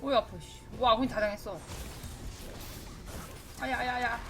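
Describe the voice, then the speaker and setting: A woman's voice: fairly high pitch, moderate pace, a little hiss or hum. A woman streaming a game live, reacting to the match as she plays, with yelps and bursts of laughter. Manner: excitable, talks to herself, yelps and laughs. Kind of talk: live gameplay commentary.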